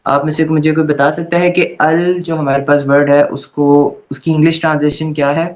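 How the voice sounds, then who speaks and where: This clip has a man with a fairly high voice delivering an online Arabic grammar lecture in a flat, brisk way over dull-sounding audio. He stays patient with his students, checking in often with a repeated "okay" to confirm they understand.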